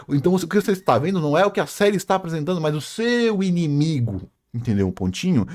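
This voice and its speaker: A man's voice: a little high, darkish tone. Guy ranting hard, sarcastic, cursing a lot, voice jumping all over. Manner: swearing, sarcastic, emphatic. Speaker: host reacting to a video. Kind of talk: heated critical rant.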